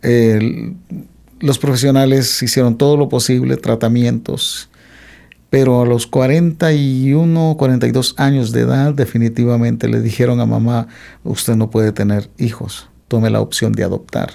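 Gravelly-voiced man telling his life story. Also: mid-range voice, steady tone, moderate pace, warm tone. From Mexico. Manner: hesitant, with frequent "eh" fillers and restarts. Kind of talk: testimony in an interview.

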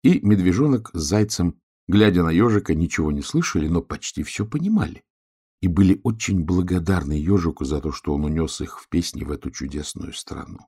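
Low, husky man reading a story. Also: a little fast. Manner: expressive, animated storytelling. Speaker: narrator.

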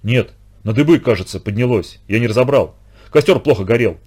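Brief: man doing a scared, stammering boy, slow and shaky, storybook reading. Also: mid-range voice, lively intonation, darkish tone, breathy edge. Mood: shaken. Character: frightened, shaky young boy.

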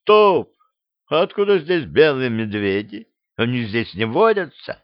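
A man's voice: medium pitch, big pitch swings, no echo. A man voicing a baffled young adventurer. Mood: bewildered. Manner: bewildered, quick questions. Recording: dull dry lo-fi recording.

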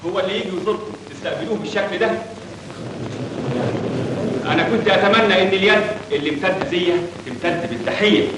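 An actor playing a dignified young engineer making a speech to factory workers in Egyptian Arabic, on an old film soundtrack. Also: male voice, high-pitched, background noise, close to an everyday voice. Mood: earnest. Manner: speechmaking, measured. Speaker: new factory director.

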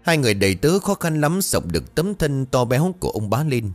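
A man narrating a ghost story in a dramatic, expressive storytelling style. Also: mid-range voice, brisk, soft background music.

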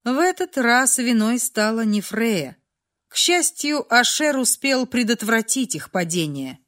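A woman narrating a dramatic audiobook in a measured, expressive way. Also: on the high side.

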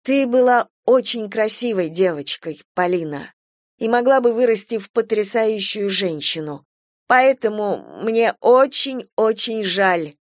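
Grim captive woman, slow and bossy, dry close sound, read by a woman. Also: mid-range voice, animated, dry recording, lightly acted. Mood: slow, cold. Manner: slow, measured, commanding.

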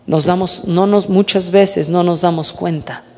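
A man's voice: high-pitched, steady tone, unhurried, a little mellow, in a large hall. A man preaching a sermon, earnest and often checking in with his listeners. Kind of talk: sermon with retold story.

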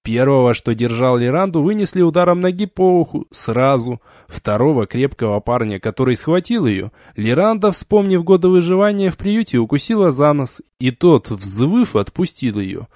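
Guy narrating a novel audiobook, very animated, dry close sound. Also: medium pitch, moderate pace, few pauses, no room sound. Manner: expressive, animated storytelling. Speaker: audiobook reader.

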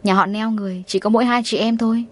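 Firm young husband, heir of a rich family, steady and determined, audiobook, read by a woman. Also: a little high, quick pace, natural voice. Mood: persuasive. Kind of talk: audiobook reading.

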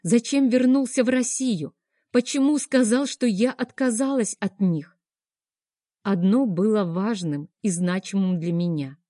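A woman reads a first-person story aloud, dramatic and full of feeling. Her voice is mellow and warm. The sound is dry and close-miked. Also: mid-range voice, unhurried, no echo. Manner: emotional, dramatic reading. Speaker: audiobook narrator.

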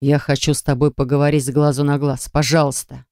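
A woman voicing a tense young husband who talks in a low, strained growl. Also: steady tone, brisk, vocal fry, a little mellow, no echo, studio quality. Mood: pleading.

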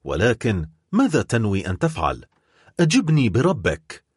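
A man's voice: fairly low pitch, wildly swooping pitch, normal speed, husky, no echo, clean studio sound, full character voice. A man reading an audiobook, voicing a grieving young noblewoman in love with a pleading, anguished manner.

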